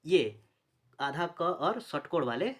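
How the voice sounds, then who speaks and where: A man with a fairly high, sing-song voice moves slowly through a Hindi phonetics lesson for exam preparation. Speaking with a Chhattisgarhi Hindi accent, he repeats terms and asks the viewer questions before answering.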